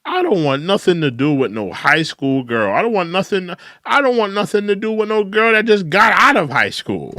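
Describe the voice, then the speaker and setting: Animated man in his thirties calling someone out. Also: high voice, normal speed, hardly any pauses, no room sound. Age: 30s. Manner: incredulous, repeats points, addresses his target directly. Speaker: commentary channel host. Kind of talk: reaction commentary.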